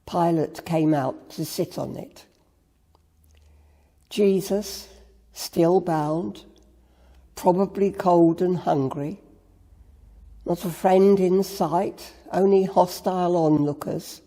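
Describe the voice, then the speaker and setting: Brief: slow, husky reader of a meditation with a long reverb. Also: medium pitch, fairly even intonation, dark tone. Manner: slow, measured storytelling. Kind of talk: Good Friday meditation reading.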